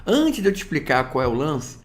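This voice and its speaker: A man's voice: on the high side, wildly swooping pitch, fairly quick. A man teaching day trading in a casual, chatty, storytelling way. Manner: chatty, storytelling, slangy asides. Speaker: trading instructor. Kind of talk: casual video lesson.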